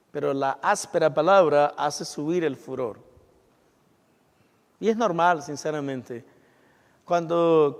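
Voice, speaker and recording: Preaching man in a reverberant church. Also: sits high. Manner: conversational preaching with rhetorical questions and personal confessions. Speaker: pastor. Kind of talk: sermon. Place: church sanctuary.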